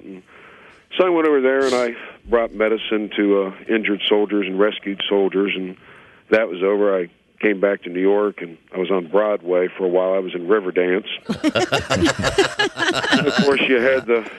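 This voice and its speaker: A man's voice: fairly low pitch, close to an everyday voice, poor audio. A man voicing a boastful male talking dog who tells tall tales in a matter-of-fact way, in a played-back radio joke.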